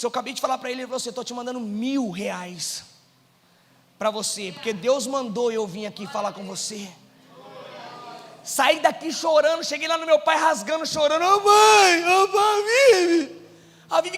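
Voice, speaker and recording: A male pastor with a Brazilian Portuguese accent preaching a sermon with a personal testimony. He swings from hushed storytelling to shouted exhortation. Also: very high-pitched, big-room sound. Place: church hall.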